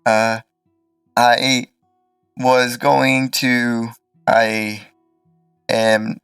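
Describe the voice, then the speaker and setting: Male tabletop game master: hesitant, unhurried, fry-edged, close and dry. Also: medium pitch, level tone, fairly bright tone, dry recording, recorded from a distance, soft background music. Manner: hesitant, halting delivery. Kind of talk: improvised tabletop game narration.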